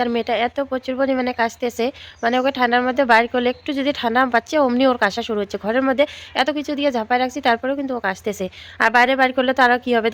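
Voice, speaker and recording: A woman in her thirties, a mother, chatting casually to her viewers in a home vlog. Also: fairly high pitch. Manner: chatty, talks straight to viewers. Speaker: vlogger, mother. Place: home, indoors.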